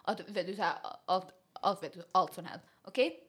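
A young woman with a Finland Swedish accent co-hosts a podcast, telling a story in a casual chat while animated and laughing, dropping in English phrases. Her voice sits on the low side and is slightly rough.

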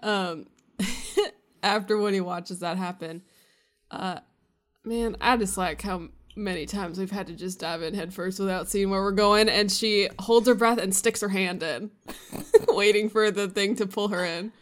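A woman playing in a tabletop role-playing game, speaking softly and offhandedly about her character. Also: medium pitch, fairly even intonation, unhurried. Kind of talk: casual chat.

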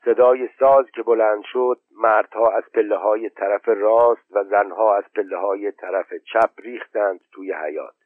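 A man reading a story aloud as audiobook narrator, in a steady, measured way. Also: fairly low pitch, no echo. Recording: dry tinny phone-like audio.

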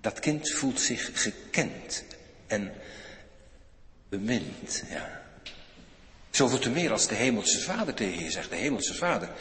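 A man preaching a sermon to his congregation, animated and direct, often turning to the listeners. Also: fairly low pitch, measured pace, pauses often, a little hiss or hum. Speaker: pastor. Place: church. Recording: echoey church hall.

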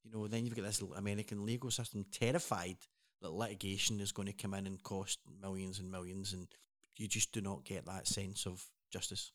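Earnest man, low voice. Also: flat delivery, fairly quick, a bit bright. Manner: earnest, rambling with restarts. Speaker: co-host. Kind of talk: casual chat.

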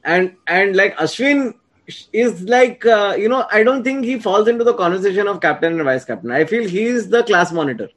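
A man's voice: high voice, lively intonation, a little fast, a bit bright. A man with an Indian accent hosting a casual sports chat, wry and questioning, mixing English with Hindi. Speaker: podcast host.

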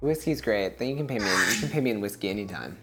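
A man with a standard American accent in casual podcast chat, animated, giggly and self-deprecating. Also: fairly low pitch, very fast, loud music behind the voice. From United States. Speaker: podcast guest, actor.

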